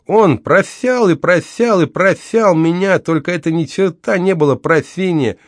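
A man's voice: sits high, unhurried, no room sound, pitched above the performer's own voice. A young battered woman with a thick lisp from her missing front teeth, as a male narrator puts her on, speaking bitterly and bluntly. Her voice sits well above the reader's own. The reading is close and dry, with no room sound. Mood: earnest blunt.

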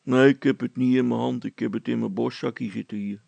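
A man doing a deadpan village policeman. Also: medium pitch, fairly quick, creaky, dry recording, dull audio. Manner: dry, plain-spoken, deadpan. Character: matter-of-fact male village policeman. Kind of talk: storybook reading.

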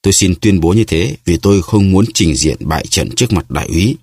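Proud wounded musketeer, measured and grave, read by a man; very low, husky. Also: animated, a little mellow, dry recording, clean studio sound, exaggerated voice. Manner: grave, formal.

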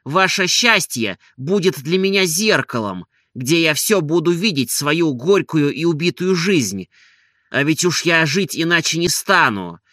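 A man voicing an emotional, excitable nobleman in an audiobook, gushing and pleading in turn. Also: fairly high pitch, measured pace, dry recording, clean studio sound, pitched above the performer's own voice. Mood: melancholy. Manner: gushing, pleading, breaking into tears and joy.

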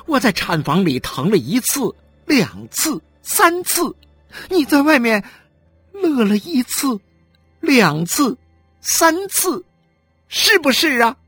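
A woman's voice: high voice, sing-song, slow pace, fairly bright tone, slightly rough, no echo, soft background music, voice pushed up, full character voice. A woman voicing a young wife in agonizing labor who sobs, wails and screams curses at her husband in an audiobook. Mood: nagging accusation. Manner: wailing, sobbing, screaming curses.

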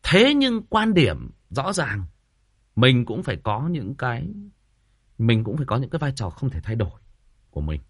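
A man's voice: mid-range voice, wildly swooping pitch, moderate pace, pauses often, slightly rough, dry recording. A man telling a first-person story in a chatty, repetitive way, speaking straight to his listeners.

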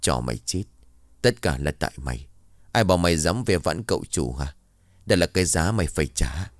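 Một người đàn ông đóng vai một cô gái trẻ độc ác, mưu mô, nói giọng khinh miệt. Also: male voice, on the low side, animated, fast talker, no room sound, studio quality, close to an everyday voice. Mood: scheming. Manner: sneering, scornful. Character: scheming spiteful young woman.

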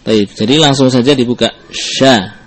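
A man's voice: mid-range voice, steady tone, moderate pace, slight background noise. A man teaching Quran recitation who explains each sound and drills it over and over, mixing in Arabic terms. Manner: patient, demonstrates letter sounds over and over. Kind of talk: tajwid lesson with drills.

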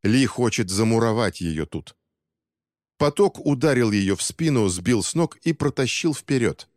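A man narrating an action thriller audiobook in a steady, dramatic reading. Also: mid-range voice, measured pace, no echo, studio quality, big-room sound. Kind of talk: scripted narration.

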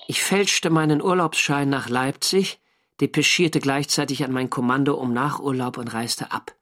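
A male actor with a mid-range voice lightly performs the role of a WWI navy diarist for radio drama, narrating in a measured, literary, matter-of-fact way. The background is noisy.

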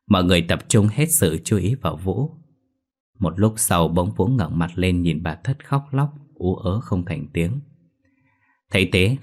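A man narrating a ghost story in a steady, measured reading. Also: low-pitched.

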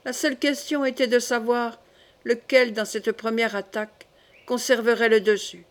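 A woman reading a classic French novel aloud as an audiobook, steady and literary. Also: fairly high pitch, moderate pace. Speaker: audiobook reader. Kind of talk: audiobook narration.

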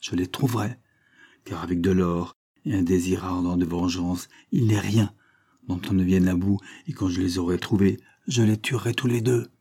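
A man's voice: deep voice, moderate pace, husky. A man doing a cold, vengeful doctor. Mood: implacable. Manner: calm, implacable, solemn threats. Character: cold vengeful middle-aged male doctor.

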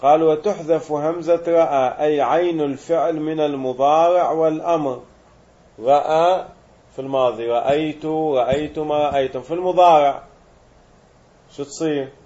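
A man's voice: on the high side, normal speed, a little mellow, muffled recording. A man teaching a grammar lesson, explaining step by step and quizzing his students.

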